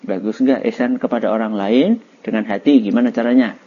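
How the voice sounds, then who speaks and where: A man's voice: fairly low pitch, brisk, breathy edge. A man teaching religion to a class of children, quizzing them and laughing along. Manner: lively, quizzing students, laughing. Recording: dull lo-fi recording.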